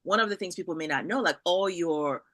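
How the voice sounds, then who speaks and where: Bright-voiced woman host, upbeat and gushing. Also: on the low side, fairly quick. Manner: enthusiastic, affirming. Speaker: interview host. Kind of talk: casual interview chat.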